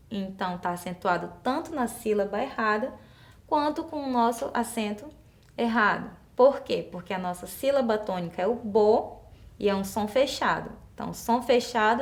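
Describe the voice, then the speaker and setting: A Brazilian woman teacher with a Brazilian Portuguese accent walks through exercises at a patient, even pace, breaking each one into small steps. She often poses a question to the class and answers it herself. Her voice sits at a middle pitch. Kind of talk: classroom lesson explaining exercises.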